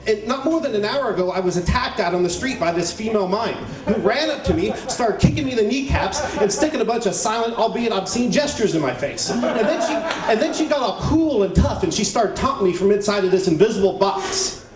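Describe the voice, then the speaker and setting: A man's voice: sits high, lively intonation, a little fast, few pauses, over a noisy crowd. A man performing stand-up comedy in a crude clown persona, ranting with mock indignation to a live audience. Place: live stage before an audience. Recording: echoey room with live audience.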